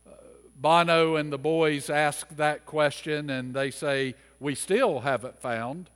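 Unhurried preacher in a reverberant church. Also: male voice, a little high, a bit bright. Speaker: pastor. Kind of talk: scripture reading and sermon. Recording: long reverb of a church hall.

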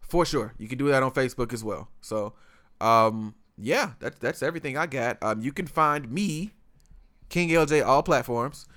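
A man hosting a podcast, chatting in a slangy, animated, informal way. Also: medium pitch, normal speed. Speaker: podcast host. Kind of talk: casual podcast chat.

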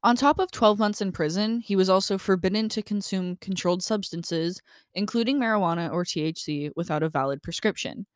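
A woman's voice: medium pitch, fairly quick, dry recording, clean studio sound. A young adult woman co-hosting a true crime podcast, reading case details and venting bluntly with swearing. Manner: reads case facts then vents bluntly with swearing. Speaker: podcast co-host.

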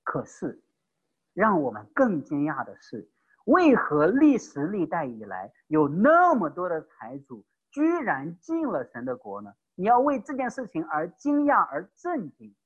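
Impassioned preacher with a husky voice. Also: male voice, huge pitch swings, a little slow, muffled recording. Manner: impassioned, swinging between loud emphatic peaks and hushed low phrases. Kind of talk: evangelistic sermon.

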